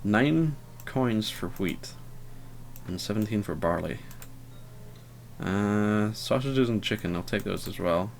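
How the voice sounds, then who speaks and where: A man's voice: on the low side, expressive, takes it slowly, vocal fry, a little hiss or hum. A man giving casual, rambling gameplay commentary, hesitant and full of fillers, with a wry, self-deprecating manner. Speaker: let's player.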